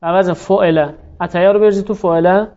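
A man's voice: high-pitched, fairly even intonation, dark tone, muffled recording. A man teaching Arabic grammar in a class, quizzing students by name and praising their answers patiently. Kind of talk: classroom lesson, drilling students.

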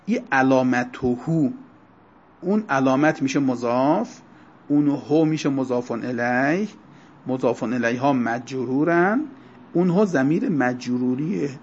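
A man teaching a grammar class, explaining terms one by one, slowing down and stressing key words. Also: mid-range voice, darkish tone, slight background noise. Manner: explanatory, lecturing to students, slow deliberate stresses on terms. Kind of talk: Arabic grammar lecture. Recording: dull lo-fi recording.

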